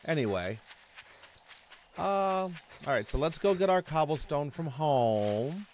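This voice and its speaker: Unhurried man narrating his gameplay. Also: on the high side, sing-song, darkish tone, slight background noise. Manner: chatty, talks to himself and the enemies, swears when hurt. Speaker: gaming channel host. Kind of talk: let's play commentary.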